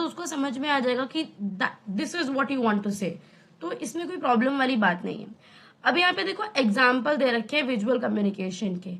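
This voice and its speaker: High-voiced woman teaching casually. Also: a bit bright. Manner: chatty, explains with everyday examples and rhetorical questions. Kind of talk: casual online lesson.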